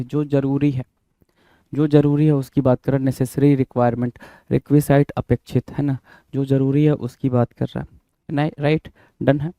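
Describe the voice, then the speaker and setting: Man, vocabulary teacher, very dark tone, flat delivery, dry sound, spells words out, answers his own questions. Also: mid-range voice, no room sound, muffled recording. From India. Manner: repeats words, spells them out letter by letter; asks the class questions and answers them himself. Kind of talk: bilingual classroom explanation.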